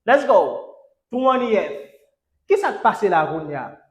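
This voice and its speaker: Slow, drilling Haitian male teacher. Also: sits high, very animated. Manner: drills each word, repeating it three times; spells out letters and urges "let's go". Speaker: English teacher. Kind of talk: language lesson. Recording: echoey room.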